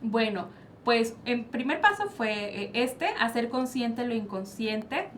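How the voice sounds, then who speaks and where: A woman's voice: on the high side, expressive, takes it slowly, fairly bright tone. A woman psychologist with a Mexican Spanish accent, explaining parenting styles in a panel discussion and posing rhetorical questions she answers herself. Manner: explanatory, asks and answers her own questions. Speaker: child psychologist guest. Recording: faint background noise.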